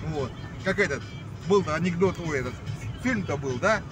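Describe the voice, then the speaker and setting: A man vlogs casually from a moving car at night, rambling, joking, and repeating himself as he drives. His voice is fairly high with lively intonation at normal speed, sounding far from the mic over loud engine and road noise.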